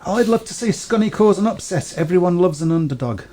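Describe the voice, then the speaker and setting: A man's voice: sits high, lively intonation, brisk, dark tone, a little hiss or hum. A man co-hosting a casual sports chat, talking in a chatty, hesitant way and laughing easily. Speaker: podcast co-host.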